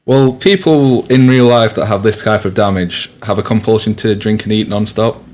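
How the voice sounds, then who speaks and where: A man's voice: fairly low pitch, normal speed, a little mellow. A young man co-presenting a radio science show, explaining loosely with lots of fillers and restarts. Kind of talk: casual science chat.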